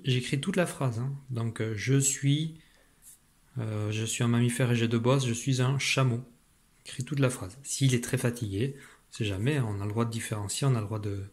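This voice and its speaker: A middle-aged male teacher talks parents through their child's homework, calm and methodical. He sounds out letters and syllables slowly, repeating words so they can follow along. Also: mid-range voice. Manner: patient, step-by-step, spelling out sounds slowly. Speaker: primary school teacher. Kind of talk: explaining homework exercises to parents.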